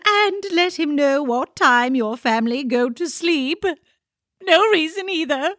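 A woman's voice: sits high, lively intonation, a little slow, a bit bright, dry recording, clean studio sound. A woman playing a spooky, teasing female radio co-host with a theatrical delivery in a children's show. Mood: playfully sinister.

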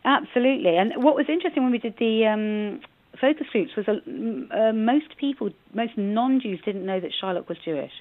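Radio guest, woman from England, phone-line sound, hesitant and halting. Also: on the high side, expressive. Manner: hesitant, many restarts. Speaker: museum guest. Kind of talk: radio interview.

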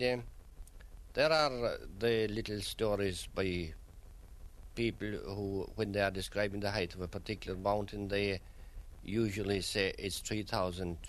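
Man, Kerry Irish accent, low voice, local guide, storytelling manner, interview. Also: steady tone, a little slow. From County Kerry, Ireland. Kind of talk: interview answers with anecdotes.

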